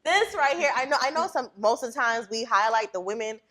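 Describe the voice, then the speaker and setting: A young woman hosts an interview show in a lively, chatty way, her voice swooping up high when she gets excited. She talks in quick bursts with lots of restarts, and her voice sits fairly high for a woman. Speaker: host. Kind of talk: casual interview hosting.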